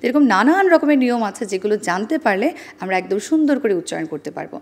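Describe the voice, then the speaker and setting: A woman guest in an interview, explaining how to pronounce words, with careful, precise diction and a measured, deliberate delivery. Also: mid-range voice, sing-song. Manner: careful, precise standard pronunciation, demonstrating sounds. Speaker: interview guest on speech and pronunciation.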